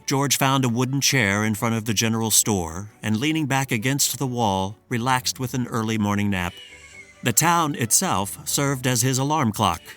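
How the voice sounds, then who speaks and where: A man with a medium-pitched voice reads a children's storybook aloud, narrating from a script in a measured, expressive storytelling style.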